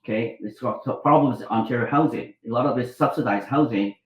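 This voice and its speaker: A middle-aged Vietnamese man, a doctor and author, tells his life story as an interview guest in a medium-pitched, slightly quick voice. He rambles, restarts often, and acts out quoted dialogue. The recording is rough, with a roomy sound.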